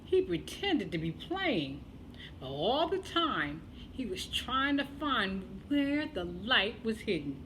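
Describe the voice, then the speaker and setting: A woman telling a children's tale as a storyteller, expressive and deliberate, with dramatic pauses. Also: a little high, slight background noise, poor audio.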